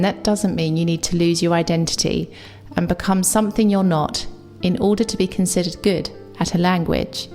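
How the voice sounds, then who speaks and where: A London-accented woman from England presents a scripted video essay as an English teacher, reflective in tone and firm in her views. Her voice sits on the low side and sounds somewhat dark.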